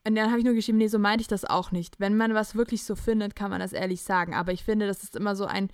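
A woman's voice: mid-range voice, fast talker, no room sound, clean studio sound. A young woman hosting a casual podcast, animatedly retelling a chat conversation and acting out both sides. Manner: animated storytelling, quoting texts in chats. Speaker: podcast host.

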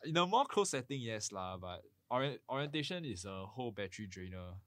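A man's voice: mid-range voice, very animated, fairly quick, dry recording. A young man with a Singaporean accent, chatting in Singlish in a casual student discussion. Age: young adult. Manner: Singlish with local particles. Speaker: university student on a podcast.

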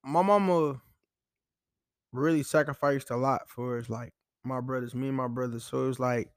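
A man's voice: mid-range voice, steady tone, moderate pace, clear, resonant tone, no room sound. Heartfelt young man, dry close sound. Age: young adult. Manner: heartfelt, repetitive, says "bro" often. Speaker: college football player guest. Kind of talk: casual interview chat.

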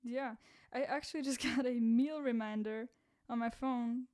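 A woman hosting her first casual solo podcast, rambling and self-deprecating, with a rough voice that cracks and frequent laughs at her own jokes. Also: fairly high pitch, steady tone, a little slow, a little mellow. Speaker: podcast host and content creator.

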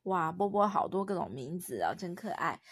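A woman's voice: on the low side, very animated, normal speed, slightly rough, no room sound, studio quality. A young woman with a Taiwanese Mandarin accent, a mother patiently teaching her toddler French words at home, playful and encouraging. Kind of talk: home-recorded French lesson with a child.

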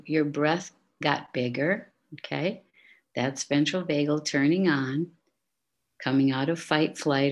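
A middle-aged woman in a casual interview, gently explaining and guiding a calming exercise. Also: deep voice. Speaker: guest expert.

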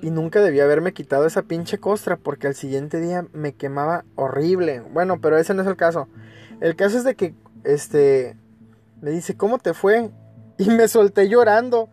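A man's voice: fairly high pitch, moderate pace, a little mellow, faint music behind. A man with a Mexican accent, hosting a podcast and telling a personal story in a casual, crude, emphatic way, full of fillers and stumbles. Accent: Mexican Spanish. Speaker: podcast host.

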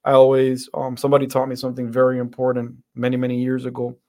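A man's voice: medium pitch, completely flat delivery, quick pace, a little mellow. A man from the Dominican Republic, a guest on an interview podcast, talking in an earnest, reflective way with many restarts and fillers. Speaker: podcast guest, center director. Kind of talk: interview conversation.

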